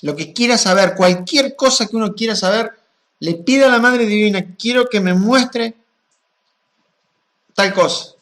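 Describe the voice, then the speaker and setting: High-voiced man teaching calmly. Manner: calm, explanatory, chants mantras with drawn-out vowels. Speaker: spiritual teacher answering questions. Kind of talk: gnostic teaching talk.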